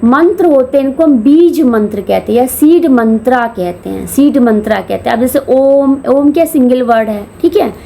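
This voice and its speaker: High-pitched woman, spiritual teacher, explanatory, slows on key terms, light background hiss. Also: animated, creaky, dark tone. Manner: mixes Hindi with English phrases, slows for key terms; chants demonstrations mid-explanation. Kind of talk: explaining meditation to a camera.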